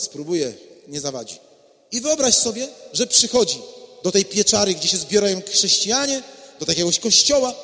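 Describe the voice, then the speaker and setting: Bright-voiced priest preaching in a ringing church. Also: male voice, high voice. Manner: direct, questioning, emphatic. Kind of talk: retreat sermon. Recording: reverberant church hall.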